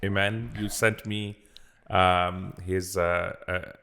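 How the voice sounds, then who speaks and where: A man co-hosting a podcast who speaks in a hesitant, halting way. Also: sits low, level tone, bright, forceful tone, a little hiss or hum. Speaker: podcast co-host. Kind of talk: casual podcast interview.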